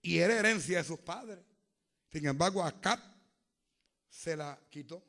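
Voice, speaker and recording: A man preaching a fervent sermon, swinging from hushed to loud. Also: fairly high pitch, expressive, unhurried.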